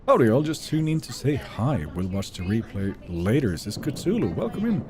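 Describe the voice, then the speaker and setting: Over music, this Sweden-based streamer, whose first language is Finnish, reads viewer messages aloud and chats easily as he plays. He talks at a normal speed in a medium pitch that rises and falls widely.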